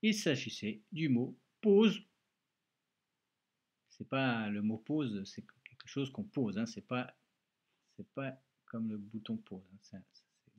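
A male primary school teacher leads a recorded dictation lesson and speaks slowly and patiently to a child working at home. His voice is mid-pitched with a slight husk. He often drops in a little "hein" as he explains. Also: darkish tone, husky, muffled recording. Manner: slow, patient, talks directly to a child, frequent "hein".

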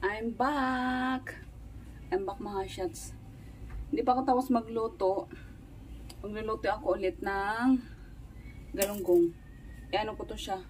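A woman's voice: medium pitch, steady tone, measured pace, long pauses, a little mellow, a little hiss or hum. A young mother with a Visayan accent vlogging casually from her home kitchen, chatting to the camera and slipping into sing-song baby talk with her children.

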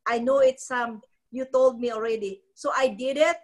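A middle-aged woman from the Philippines, a network marketing trainer, gives a preachy motivational business talk over a live video call from her ornate living room. Her voice sits on the high side with a steady, darkish tone at a moderate pace, and she holds the phone close to her face, often repeating herself and restarting phrases.

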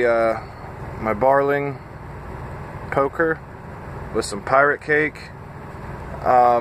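A man in his thirties, a truck driver, chatting casually and haltingly with lots of fillers while tired and a bit scattered, filmed on a phone at arm's length in his parked cab. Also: mid-range voice, fairly bright tone, a little hiss or hum. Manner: rambling, halting, with frequent fillers. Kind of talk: casual vlog chat. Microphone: phone camera at arm's length.

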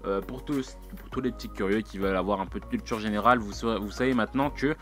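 A man's voice: fairly low pitch, fast, a bit bright, faint music behind. A young man, chatting casually to his viewers in a rambling, slangy way with plenty of fillers. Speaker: YouTuber. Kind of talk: casual vlog monologue.

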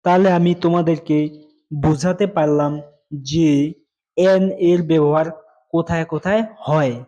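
A man's voice: fairly high pitch, fairly even intonation, moderate pace, warm tone, lo-fi sound. A male English teacher explaining grammar to students, patiently repeating key words and asking them questions.

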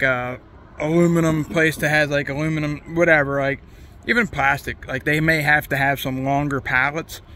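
A man's voice: a little high, pushed and bright. A man in his thirties, a truck driver, chatting casually and rambling in an easygoing, plain-spoken way as he vlogs from a truck yard and his cab. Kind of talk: casual vlog chat. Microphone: phone held at arm's length outdoors, headset mic in the cab.

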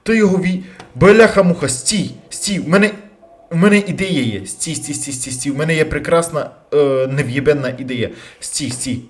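Excitable swearing man gaming. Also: a little high. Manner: loud outbursts and heavy swearing; jumpy, rapid switches between yelling and muttering. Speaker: let's play gamer. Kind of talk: excited gameplay commentary.

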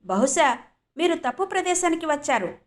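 A woman's voice: sits high, sing-song, normal speed, pitched above the performer's own voice. A woman voicing a snobbish, condescending senior car saleswoman. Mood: mocking. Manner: mocking, condescending.

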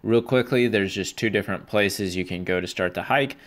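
A man hosting a casual travel vlog at a desert campsite, talking in a relaxed, rambling way with many pauses and fillers into an action camera. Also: lowish voice, dry recording. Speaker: vlogger and trip host. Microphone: action camera mic.

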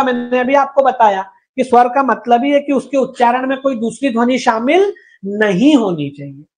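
Male grammar teacher, exam-prep lecture, rhetorical questions, repeats points, sounds out syllables. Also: extremely high pitch. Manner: asks and answers his own questions, repeats points, says "theek hai"; drills sounds aloud for students to copy.

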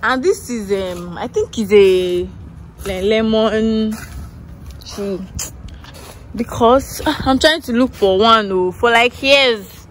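A woman's voice: fairly high pitch, slow pace, slight background noise. A young woman with a Nigerian accent, vlogging casually outdoors into a phone held at arm's length and chatting with a laugh in her voice. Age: young adult. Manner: chatty, laughing, switching into pidgin. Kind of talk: casual vlog walkthrough. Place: outdoors in a rural neighborhood.

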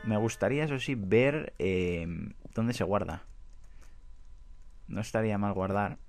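A man's voice: lowish voice, a little slow. A man with a Spain Spanish accent chatting and joking through a game playthrough, self-mocking. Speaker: let's-play gamer. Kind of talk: casual gameplay commentary. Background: game music.

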